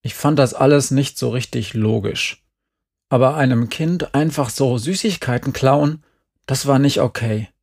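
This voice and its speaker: A man's voice: mid-range voice, unhurried, gravelly, a little mellow. A man narrating a story in a dry, matter-of-fact tone. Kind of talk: audiobook reading of a story.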